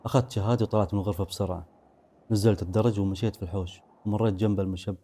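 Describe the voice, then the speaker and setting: Male storyteller, fast dramatic narration, dark mellow tone. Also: on the low side, steady tone. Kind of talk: first-person horror story narration.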